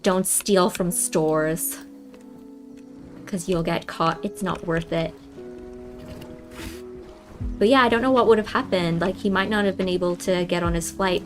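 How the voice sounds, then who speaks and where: A woman's voice: lowish voice, measured pace, pauses often, music in the background. Chatty woman streamer. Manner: chatty, rambling, many fillers and restarts, addresses viewers as guys. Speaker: livestream host. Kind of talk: casual storytelling during a game livestream.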